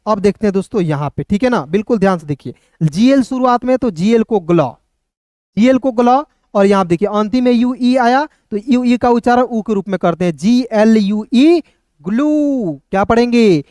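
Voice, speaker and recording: A man's voice: high-pitched, brisk, a little mellow, dry recording, clean studio sound. A man teaching English pronunciation online, asking questions and answering them himself and calling viewers brother and friends. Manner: repetitive, asks and answers his own questions, addresses viewers as brother and friends. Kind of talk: online spoken-English lesson.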